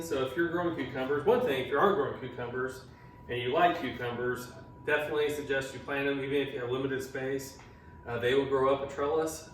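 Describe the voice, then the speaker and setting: A man, a father, giving a chatty, explanatory home cooking demonstration with some teasing. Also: medium pitch. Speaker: home cook and channel host, a father. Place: home kitchen. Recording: echoey room, mic far off, faint noise.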